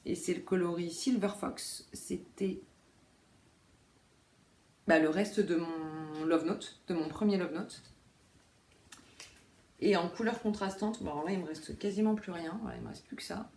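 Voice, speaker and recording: A woman's voice: fairly low pitch, unhurried, pauses often, a little mellow, echoey room, slight background noise. A woman hosting a knitting podcast, talking casually with many fillers and asides, in a room at home by a window. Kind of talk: casual chat.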